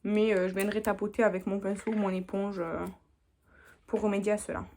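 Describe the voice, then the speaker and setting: A young beauty vlogger chats casually while doing a makeup tutorial, sprinkling in lots of little "hop"s as she works. Her mid-range voice is brisk and level, with a darkish tone.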